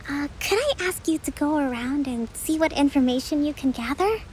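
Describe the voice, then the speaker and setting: A woman playing a gentle, earnest young female leader in a video game, speaking softly and politely in measured phrases. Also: high voice, animated, slight background noise. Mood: calm, relieved.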